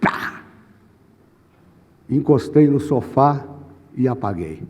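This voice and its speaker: A man's voice: mid-range voice, moderate pace, warm tone. A Brazilian man preaching as a pastor, telling a story dramatically and acting out the dialogue. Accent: Brazilian Portuguese. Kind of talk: sermon storytelling. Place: church. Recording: long reverb in a church hall.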